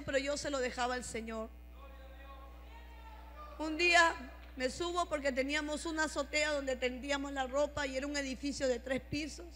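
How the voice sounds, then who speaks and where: A woman giving a fervent religious testimony, often breaking into shouts of praise. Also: high voice, in a large hall. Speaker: church member giving testimony.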